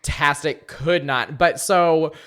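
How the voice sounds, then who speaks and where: Brief: male podcast host, smooth resonant voice, a touch high, animated swearing storyteller. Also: takes it slowly. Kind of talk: casual podcast chat.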